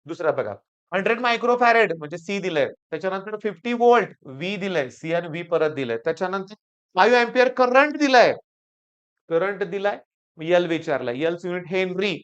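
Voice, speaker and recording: A hoarse man with a Marathi accent runs through exam physics problems, repeating key points and coaxing his students along. His voice stays smooth and resonant despite the sore throat. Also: high voice, animated, normal speed, a bit bright, lo-fi sound. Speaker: physics teacher. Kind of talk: exam-prep lecture.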